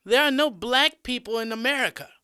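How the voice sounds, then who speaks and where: A man voicing a blunt, giggly young woman student in a spoken story, high and tactless. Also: a little fast, pushed and bright, clear, resonant tone, no room sound, clean studio sound.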